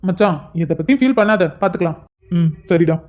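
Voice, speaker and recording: A man's voice: sits high, expressive, brisk, faint music behind. A man voicing an earnest young man in a cartoon, talking to his friend about his troubled little sister. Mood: friendly. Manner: earnest, pleading, calls his friend "machan". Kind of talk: cartoon voice acting. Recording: dull lo-fi sound.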